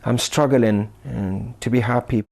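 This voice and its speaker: A man gives an unscripted interview. His dark, mellow voice stays very level in pitch. He halts often and repeats words as he goes. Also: steady tone, measured pace, gravelly. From Afghanistan. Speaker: taxi driver being interviewed.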